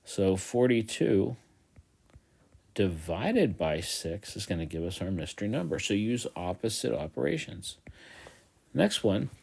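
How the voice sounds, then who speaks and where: Male teacher, low voice, casual and playful, talks students through a math review one step at a time. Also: vocal fry, darkish tone, breathy edge. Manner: chatty, joking asides, repeats steps slowly. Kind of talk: recorded math review lesson. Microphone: tablet voice-over of a whiteboard.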